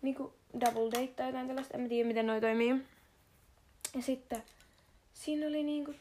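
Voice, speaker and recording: A teenage girl from Finland talking in a casual monologue, slangy and dramatic, swearing often and jumping between whispers and loud outbursts. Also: high-pitched, steady tone, a little hiss or hum. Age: teens.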